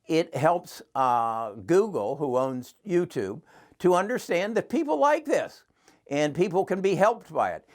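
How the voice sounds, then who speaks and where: 77 yr old guy hosting his channel, casual advice, stumbles and repeats words, voice bounces up and down. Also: fairly high pitch. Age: 70s. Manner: folksy, earnest, repeats words while finding his thought. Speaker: channel host. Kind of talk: casual advice monologue to camera.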